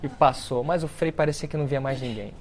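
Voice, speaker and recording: A man giving a storytelling talk to an audience, acting out the quoted speech with lively shifts in his voice. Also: mid-range voice, fast talker, slight background noise. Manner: animated storyteller who acts out quoted speech. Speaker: speaker at a book launch talk. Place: lecture event before an audience.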